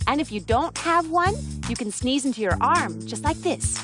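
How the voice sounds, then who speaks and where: High-voiced, cheerful cartoon teacher. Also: female voice, very animated, normal speed. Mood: encouraging. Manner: bright, encouraging, clearly explaining to children. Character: cheerful, encouraging preschool teacher. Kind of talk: animated preschool cartoon. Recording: music behind the voice.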